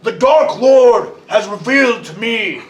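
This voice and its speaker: A man voicing a grandiose one-eyed giant cult leader in a slow, theatrical, dopey cartoon bellow for a tabletop game. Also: very high voice, expressive, crowd noise, voice pushed up. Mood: eager scheming. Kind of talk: tabletop role-play character voice. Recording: roomy, distant mic with faint noise.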